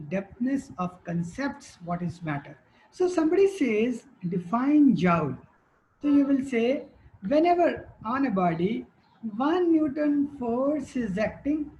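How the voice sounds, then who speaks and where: A woman's voice: a little high, warm tone, slight background noise, poor audio. A woman teacher giving a classroom lecture, quizzing students and repeating their answers.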